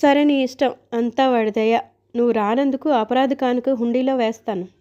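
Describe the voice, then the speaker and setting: A woman's voice: on the high side, fairly even intonation, moderate pace, mellow, natural voice. A woman reading a story aloud, voicing a fussy, devout old mother-in-law who scolds and frets. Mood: scolding. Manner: scolding, fretful. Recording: dull lo-fi recording.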